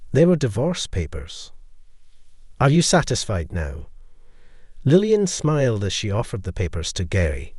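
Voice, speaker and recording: A man narrating a first-person story with steady storytelling. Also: lowish voice, no echo, studio quality.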